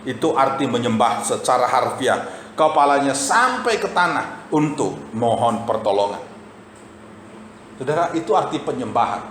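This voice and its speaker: Animated pastor preaching in an echoey church. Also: male voice, mid-range voice, moderate pace, slight background noise. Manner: storytelling, animated, often repeats a tag phrase to the congregation. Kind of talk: sermon. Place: church sanctuary. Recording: echoey church hall, faint ambience.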